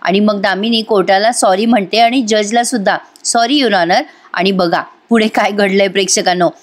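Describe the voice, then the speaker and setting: A woman's voice: mid-range voice, fairly even intonation, a little fast. A woman recapping a TV serial episode in a chatty way, often addressing her audience directly.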